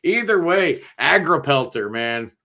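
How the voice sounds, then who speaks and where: A man's voice: fairly high pitch, expressive, measured pace, pushed and bright. A man hosting a casual podcast panel, talking enthusiastically and jokily with lots of fillers. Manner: enthusiastic, jokey, loose with fillers. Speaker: podcast host.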